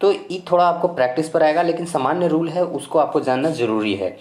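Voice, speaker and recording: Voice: mid-range voice, a little fast, darkish tone. A teacher with a mid-range voice walks through a pronunciation lesson, spelling out each word letter by letter. The delivery is patient and reassuring, and each rule comes round more than once. The voice carries a roomy echo. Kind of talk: step-by-step spoken lesson.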